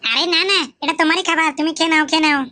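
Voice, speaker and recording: A woman's voice: very high voice, little pitch movement, racing, sharp tone. Woman as a pleading young wife.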